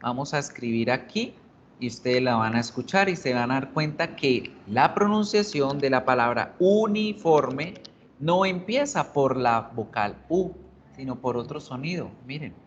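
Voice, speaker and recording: A man's voice: mid-range voice, expressive, a little hiss or hum. Give me a man teaching a video lesson, talking patiently, on a dull-sounding recording. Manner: patient, repeats words slowly for drilling. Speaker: English teacher.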